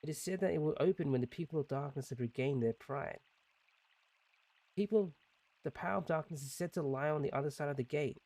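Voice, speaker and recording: A man voicing a solemn gatekeeper of a sealed gate, reading in a slow, formal way while playing a game. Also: on the high side, a little mellow, dry recording.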